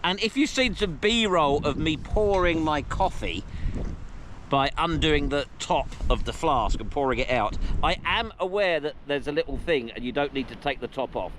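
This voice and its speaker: A man presenting an outdoor vlog, chatty and self-mocking, recorded on a camera mic on an exposed hilltop. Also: medium pitch. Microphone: camera mic carried outdoors. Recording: heavy wind and rain noise outdoors.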